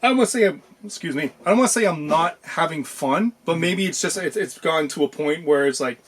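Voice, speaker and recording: Animated rambling man chatting about games. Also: a little high, a little fast, slightly rough. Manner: rambling, animated, many fillers and restarts. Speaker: podcast co-host. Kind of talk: casual chat.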